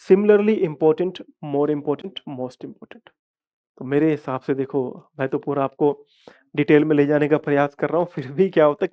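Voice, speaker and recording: Male grammar teacher, fairly high voice, patient step-by-step explainer who keeps checking in with students; dull lo-fi audio. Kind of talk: live online grammar class.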